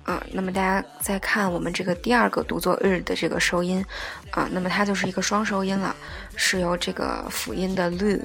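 Patient woman teaching with a gravelly voice. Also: fairly low pitch, flat delivery, fairly bright tone, soft background music. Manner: patient, repeats example words slowly. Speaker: Korean language teacher. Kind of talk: spoken language lesson.

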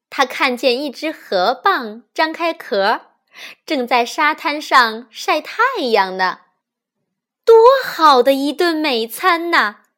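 A woman hosting a children's reading show, telling fables to the listeners in a gentle storytelling voice. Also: sits high. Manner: gentle, addresses listeners as darlings. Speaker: children's textbook reader, host.

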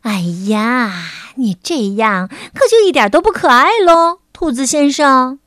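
A woman's voice: high voice, lively intonation, unhurried, fairly bright tone, no echo, clean studio sound. A woman voicing a lazy, messy, cheerful female bear in a storybook reading, with an easygoing, drawling manner. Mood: coaxing.

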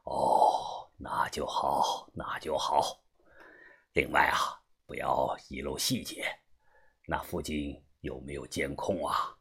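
A man voicing an older, cautious gang boss in an audiobook, speaking low and often in a hushed whisper. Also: fairly even intonation, slow, creaky, husky, full character voice. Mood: guarded. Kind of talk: audiobook character voice.

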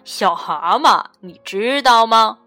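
A woman voicing a wise, kindly old male toad grandpa who slowly explains his secrets in a storybook tale. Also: fairly high pitch, lively intonation, bright, forceful tone, soft background music, full character voice. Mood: wise, patient.

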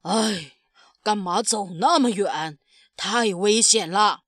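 Woman doing a big t-rex dad, hesitant, lots of uhs, slow and dry. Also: medium pitch, no room sound, natural voice. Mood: scolding. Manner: hesitant, with many drawn-out "uh"s. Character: gruff yet tender tyrannosaurus father figure.

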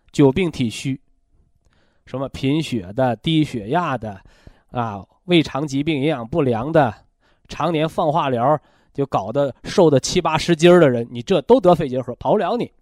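A man hosting a radio health talk, lecturing in an animated way and tossing out rhetorical questions. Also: a little high, no echo, studio quality. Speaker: health show host.

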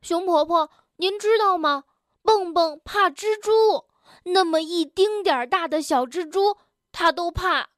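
A woman's voice: very high-pitched, expressive, unhurried, no room sound, studio quality, voice pushed up. A woman voicing a cheeky, fearless male frog in a children's storybook, with a chirpy, teasing and bold manner.

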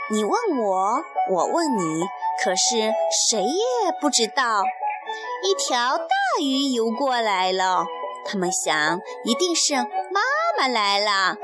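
Woman in her thirties, storytelling mother, high lively voice, slow sing-song reading, music underneath.

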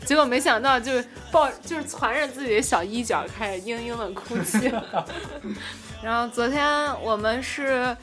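Young woman host, casual storyteller, acts out dialogue, highish voice, faint music behind. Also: normal speed, a bit bright. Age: young adult. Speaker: podcast host. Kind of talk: casual chat.

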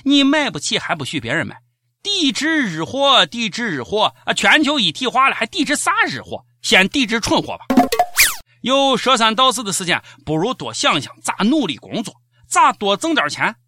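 A man's voice: high-pitched, very animated, fairly quick, pushed and bright, dry recording. A man with a Shaanxi accent hosting scripted satirical news commentary in a mocking, sarcastic manner. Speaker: host of a comic news show.

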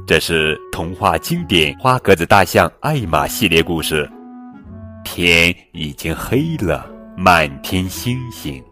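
Deep-voiced man reading a picture book. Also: soft background music. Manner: slow, gentle, expressive. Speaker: children's storyteller. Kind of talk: picture-book narration for kids.

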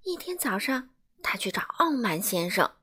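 Female storyteller for kids, animated, bright and expressive. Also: a little high, moderate pace, slightly rough. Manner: lively, expressive, dramatic. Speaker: storyteller for children. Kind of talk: children's picture-book reading.

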